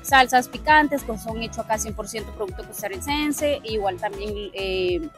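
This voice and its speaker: A woman's voice: on the high side, normal speed. A young woman from Nicaragua, co-owner of a restaurant, explaining her business in a friendly, casual interview outside the restaurant. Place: outdoors at a restaurant front. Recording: faint background music.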